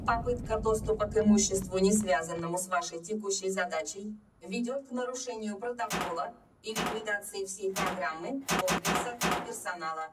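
A woman's voice: mid-range voice, moderate pace, heavy background noise, natural voice. A woman voicing a stern security computer. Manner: cold, formal, repetitive announcements. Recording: distant voice over game music.

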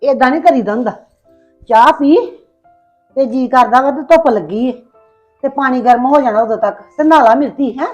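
A middle-aged woman playing a gentle mother who coaxes and comforts her daughter. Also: sits high, normal speed, long pauses, natural voice. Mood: tender. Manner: soothing, coaxing. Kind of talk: web drama acting. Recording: dull lo-fi with faint music.

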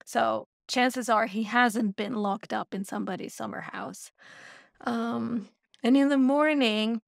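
A woman hosting a podcast and telling a lively story in casual chat. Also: fairly high pitch, a little slow, vocal fry, no room sound, clean studio sound. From Sweden. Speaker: podcast host.

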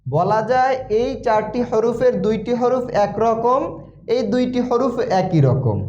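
High-pitched bangladeshi guy teaching quran letters real slow, says each one again and again, roomy echo, kinda muffled. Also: a little mellow, slight background noise. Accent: Bangladeshi Bengali. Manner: repeats each letter name many times, drawn out. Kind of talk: slow letter-by-letter recitation lesson. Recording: echoey room, dull lo-fi sound.

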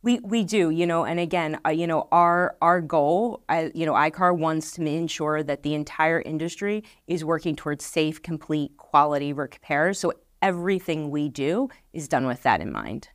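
A middle-aged woman with a low, dry voice answers interview questions on a podcast set. She speaks earnestly, circling back with fillers and restarts as she explains. The lapel mic keeps the sound close and dead. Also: moderate pace, few pauses, no room sound. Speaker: marketing director guest.

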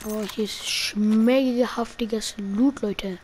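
A woman streaming gameplay, talking in heavy street slang and swearing at teammates in excited bursts. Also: medium pitch, drawn-out words, a little hiss or hum, low-quality recording. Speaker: gaming streamer. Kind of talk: live gameplay commentary.

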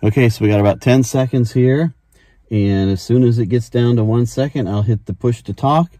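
Talking at a normal speed in a warm, mid-range voice, a middle-aged ham radio hobbyist from the United States hosts a video. He describes his hobby in a relaxed, plain-spoken way from an open field, partly inside a parked car, and the recording is dry.

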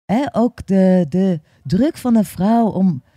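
A woman's voice: mid-range voice, slow, warm tone, no echo. A woman, a yoga teacher, talking openly as a podcast guest, earnest and often repeating words while she searches for them. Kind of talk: open conversational interview.

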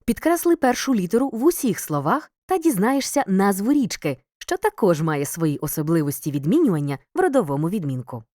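A woman reading a scripted grammar lesson as a teacher, clear and measured, pausing between listed words. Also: medium pitch, very animated, dark tone, dry recording, studio quality. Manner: clear, measured, reads word lists with pauses. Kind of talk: scripted educational narration.

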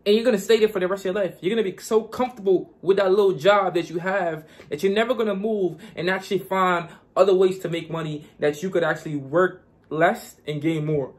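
A man's voice: high voice, steady tone, brisk. A young man from Guyana vlogging casually and giving hyped, repetitive motivational advice.

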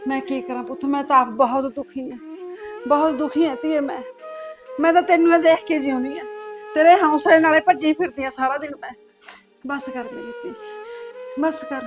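A woman's voice: high-pitched, fairly quick, long pauses, faint music behind, natural voice. A middle-aged woman playing a grieving mother-in-law who soothes her son's wife through tears. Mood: tearful comfort. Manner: tearful, soothing, pleading. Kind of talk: short family drama.

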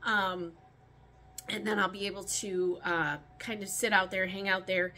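A woman with a bright, forward voice talks casually outdoors, rambling and restarting her sentences with lots of ums. A faint hum of open-air ambience sits behind her. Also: mid-range voice, steady tone, a little slow. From Michigan. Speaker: rabbit keeper vlogger. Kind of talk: casual talk while handling rabbits. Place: outdoors by a rabbit colony pen.

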